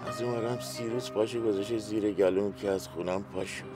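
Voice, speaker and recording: A man's voice: lowish voice, fairly even intonation, music in the background, natural voice. An actor playing a weary, indebted man in a TV series, talking in a downcast, complaining way. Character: weary indebted middle-aged man, worn down. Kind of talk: TV series acting.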